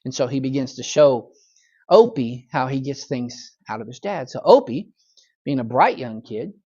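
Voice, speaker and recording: Chuckling pastor telling a story. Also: male voice, mid-range voice, animated, normal speed, warm tone, highs cut off. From United States. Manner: chatty storytelling, chuckles often, asks the room questions. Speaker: pastor teaching a Bible study. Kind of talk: conversational Bible lesson. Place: church Bible study class.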